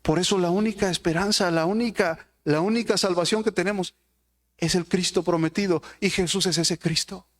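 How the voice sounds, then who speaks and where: A man preaches a sermon, addressing the congregation with one rhetorical question after another. His voice sits high for a man. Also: steady tone, moderate pace. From Mexico.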